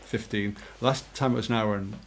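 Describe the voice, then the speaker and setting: A man co-hosting a podcast in a relaxed way, joking and often trailing off quietly. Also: lowish voice, brisk, a little hiss or hum. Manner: easygoing, laughs often, trails off softly. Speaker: podcast co-host. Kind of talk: casual podcast chat.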